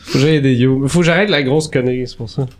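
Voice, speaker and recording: A man with a Québécois accent playing a tabletop game, joking around with the group. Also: quick pace. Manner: playful, jumps between high and low tones. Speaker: player. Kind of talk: casual tabletop game chat.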